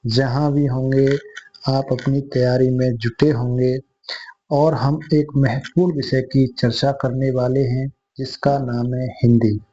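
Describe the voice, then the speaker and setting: A man's voice: medium pitch, level tone, measured pace, mellow, slightly rough, lo-fi sound. A man teaching an online quiz lesson, addressing viewers as friends and repeating each answer.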